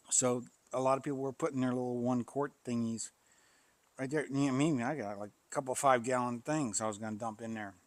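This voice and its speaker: A man's voice: medium pitch, normal speed, no echo. A man, a pastor who welds, chatting casually and rambling in his workshop, sighing and coughing between thoughts. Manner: rambling, folksy, frequent sighs and coughs. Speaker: pastor and welder, channel host. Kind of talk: casual shop vlog.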